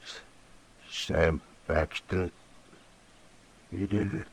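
An actor playing a badly wounded, frightened settler in a 1950s radio drama, speaking weakly and haltingly. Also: male voice, low-pitched, flat delivery, darkish tone, breathy edge, full character voice. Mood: dying. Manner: weak, halting, stammering.

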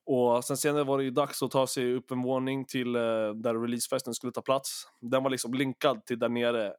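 A man's voice: mid-range voice, little pitch movement, dry recording, clean studio sound. A man co-hosting a podcast, telling a long story in a casual, rambling way, full of fillers and slang. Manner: rambling, lots of fillers and acted-out quotes, Swedish slang. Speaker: podcast co-host.

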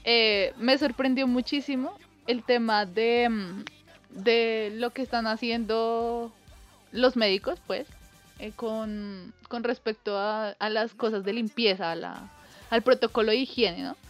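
A woman's voice: a little high, fairly even intonation, slow, soft background music. A young woman telling a casual anecdote, acting out the voices she quotes and laughing often. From Colombia. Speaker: storyteller.

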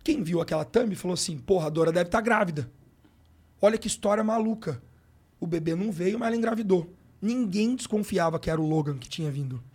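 Brief: middle-aged Brazilian man, somewhat high voice, emotional slangy storytelling, podcast guest. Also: fairly quick, darkish tone, slightly rough. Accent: Brazilian Portuguese. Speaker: sports coach, podcast guest. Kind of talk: casual storytelling interview.

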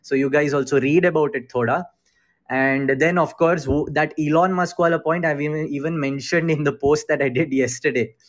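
Steady in tone and on the high side, the man speaks at a normal speed. He's the casual, Indian-accented host of an online group call about investing in crypto, and his informal English is sprinkled with Hindi phrases.

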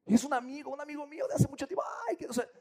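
A man spins a personal anecdote at a quick clip. His voice sits high and he keeps it animated, slipping into the voices of the people he describes. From Mexico. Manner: animated, acts out voices and quotes. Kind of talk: storytelling to an audience.

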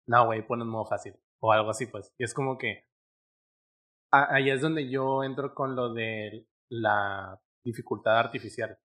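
Brief: young guy, bright forward voice, easygoing slangy gamer talk. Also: mid-range voice. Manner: laid-back slangy talk, hesitant fillers. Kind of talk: casual gaming chat.

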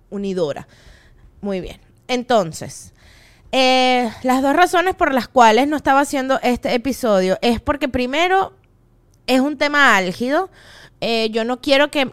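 Chatty Venezuelan woman, smooth voice. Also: fairly high pitch. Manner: chatty, joking, full of slang asides. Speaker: podcast host. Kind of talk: casual monologue.

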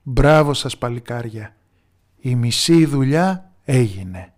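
A man voicing a wise old village woman in a storybook tale, speaking calmly and with certainty. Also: mid-range voice, close to an everyday voice. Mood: calm resolve. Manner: calm, steady, confident.

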